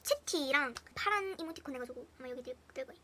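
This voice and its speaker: A young woman with a Gyeongsang Korean accent telling funny school stories to her viewers in a casual, animated way, swinging between hushed whispers and loud bursts with lots of laughter. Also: high voice, fast talker, slight background noise. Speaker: storyteller vlogger. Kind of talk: casual anecdote storytelling to viewers.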